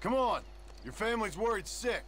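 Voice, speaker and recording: An actor voicing a gruff, laconic frontier gunslinger who speaks in short, clipped lines. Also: male voice, sits high, sing-song, normal speed, a bit bright, a little hiss or hum.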